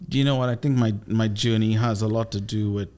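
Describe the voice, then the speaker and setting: A man with a Trinidadian accent from Trinidad and Tobago, a guest entrepreneur and business coach telling playful, animated stories in a casual interview. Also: fairly low pitch, fast talker. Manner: animated, playful, with lively voiced asides.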